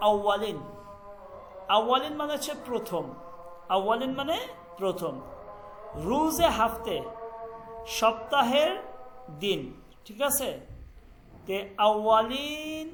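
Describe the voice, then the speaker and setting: A man teaches an online language class at a slow, deliberate pace, his voice sitting high. He repeats each word and keeps checking that his students understand. Faint music can be heard behind him. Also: poor audio.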